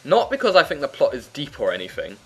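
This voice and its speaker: A man's voice: fairly high pitch, huge pitch swings, fast, husky. A man giving casual, opinionated let's play commentary in a chatty way. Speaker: gaming commentator and player. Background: faint game music and sound.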